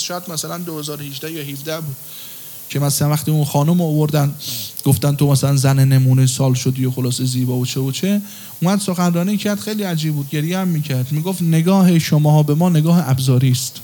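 A man's voice: fairly high pitch, warm tone. A man giving a sermon in a conversational way, at times chanting a line in a sung tone. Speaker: preacher.

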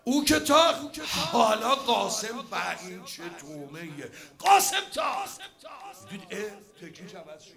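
A man telling a religious story as a dramatic lament, swinging from hushed tones to shouts. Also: high voice, big pitch swings, gravelly, soft background music. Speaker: eulogist.

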